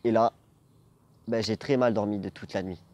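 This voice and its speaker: A man's voice: lowish voice, steady tone, moderate pace, warm tone, dry recording. A young man telling a personal story to camera in a casual, jokey, theatrical and slangy way. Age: young adult. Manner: jokey, theatrical, swearing freely.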